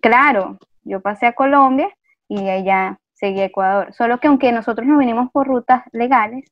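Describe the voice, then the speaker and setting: A woman, an interview guest, telling her story in a reflective, measured way. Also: fairly high pitch, no room sound. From Venezuela. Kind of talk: conversational interview. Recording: dry, dull lo-fi sound.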